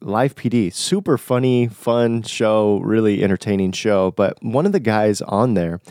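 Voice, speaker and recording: Nasal and congested after a recent bout of flu, a young podcast host talks informally on his own in buddy-like slang. He uses a fairly low voice with a darkish tone at a measured pace. Studio-quality audio, no echo.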